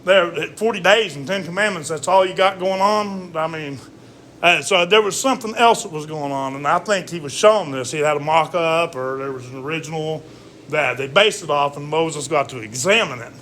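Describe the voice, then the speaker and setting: A man leading a casual Bible study, reading scripture aloud slowly and checking in with listeners by asking "all right?". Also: a little high, a bit bright, slight background noise.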